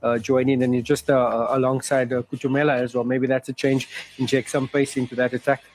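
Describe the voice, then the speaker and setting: A man's voice: mid-range voice, little pitch movement, fast talker, slight background noise. Hesitant male football pundit. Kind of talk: studio match analysis.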